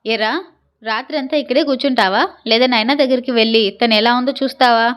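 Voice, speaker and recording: Steady young guy, coaxing and firm, read by a woman narrator. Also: on the high side, fairly quick, lightly acted. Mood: urging. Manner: calming, prodding.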